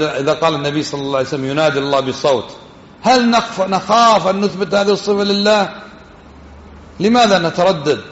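Fast-talking man teaching in an echoey hall. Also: high voice, dull audio. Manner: quick, conversational, asks the audience questions. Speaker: religious teacher. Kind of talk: religious lesson.

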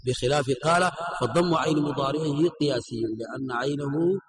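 A man teaching a classical grammar text, repeating each phrase a student reads and then explaining it at a measured pace. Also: fairly high pitch, low-quality recording. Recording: recorded with crowd noise behind. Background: crowd noise.

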